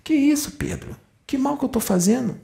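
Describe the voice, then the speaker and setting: A speaker voicing an indignant, quick-tempered man of nearly sixty who protests in disbelief. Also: high-pitched, animated, creaky, warm tone, pitched above the performer's own voice, heavily acted. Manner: protesting, incredulous.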